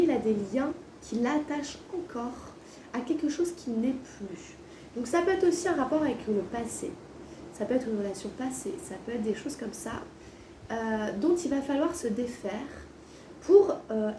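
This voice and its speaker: Female tarot reader, soft-toned, slightly hoarse sore-throat voice with swollen tonsils, casual and hesitant, recorded roomy and distant from the mic. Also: on the high side. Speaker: tarot card reader, host. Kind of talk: casual spoken tarot reading. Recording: roomy echo, distant mic, faint noise.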